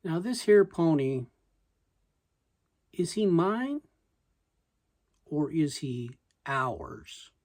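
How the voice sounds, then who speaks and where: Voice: medium pitch, big pitch swings, very slow, long pauses, darkish tone. A reciter with a voicing a shy, tongue-tied, lovestruck young cowhand in a poem. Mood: bashful.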